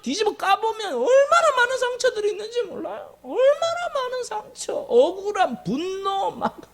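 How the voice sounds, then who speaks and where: Animated high-voiced male preacher. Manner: animated and emphatic, with jokes and repetition. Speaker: pastor. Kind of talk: sermon.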